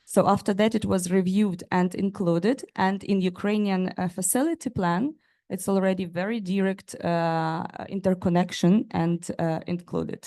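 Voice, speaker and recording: A woman speaking as a panelist, halting often with fillers and restarts as she searches for words. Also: lowish voice, fairly even intonation, mellow. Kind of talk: panel discussion.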